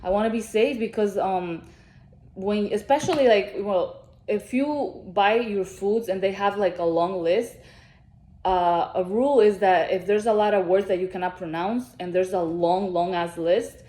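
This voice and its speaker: A woman's voice: medium pitch, a little slow, mellow. A woman vlogging about beauty products in casual chat to camera, rambling with lots of fillers and restarts. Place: travelling, on vacation. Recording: echoey room.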